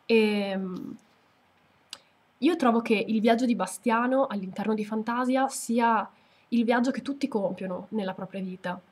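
A woman's voice: fairly high pitch, measured pace, darkish tone, husky. A woman commenting thoughtfully on a book she has just read aloud, with small hesitations. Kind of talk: reflective commentary after reading aloud.

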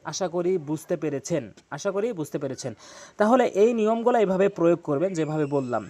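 A man teaching Quran recitation rules, explaining patiently and repeating himself, with slow chanted examples. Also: fairly high pitch, lively intonation, warm tone.

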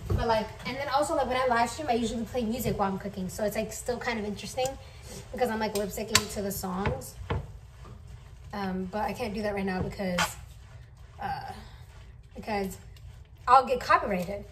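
The noisy audio comes from a camera placed far off on the counter as a young adult vlogger from a Somali family cooks at home and chats casually. She speaks at medium pitch and a moderate pace, rambling with fillers and long pauses.

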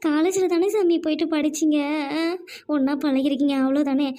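A woman's voice: high-pitched, brisk, dark tone, natural voice. A woman playing a worried village mother who scolds her daughter with stern but loving emotion. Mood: anguished scolding. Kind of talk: amateur audio drama.

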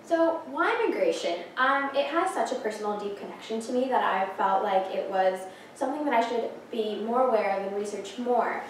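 A woman's voice: fairly high pitch, lively intonation, normal speed, few pauses, heavy reverb, a little hiss or hum. A young woman from Peru giving a class presentation, earnest, with frequent ums and restarts, heard from a far camera in a classroom. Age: late teens. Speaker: student presenter. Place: classroom with projector screen.

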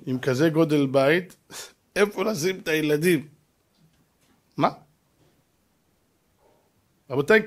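A middle-aged man giving a lively sermon to a live audience, telling stories and acting out voices and sound effects. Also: fairly high pitch. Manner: animated storytelling, acts out voices and sound effects. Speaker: rabbi.

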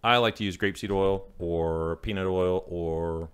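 A man's voice: low voice, steady tone, unhurried, clean tone. A middle-aged man, co-hosting a casual podcast and talking through a biscuit recipe with jokes and apologies. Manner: rambling, joking, says sorry a lot. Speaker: podcast co-host. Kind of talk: casual chat and recipe talk.

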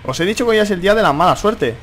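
A young man with a Spanish accent from Spain giving excitable live gameplay commentary, exclaiming and repeating himself often. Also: high-pitched, very fast, slight background noise. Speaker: gaming YouTuber. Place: at home.

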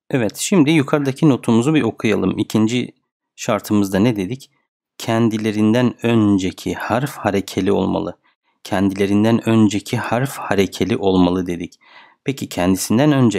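A man's voice: on the low side, darkish tone. A man teaching a reading lesson, patiently asking questions and answering them himself. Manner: patient, asks and answers his own questions. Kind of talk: step-by-step lesson.

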